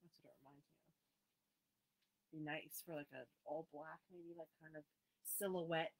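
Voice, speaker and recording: On poor-quality audio, a woman with a low, steady voice speaks unhurriedly as she presents a live needlework sale. She chats casually with viewers by name between reading out item numbers and prices.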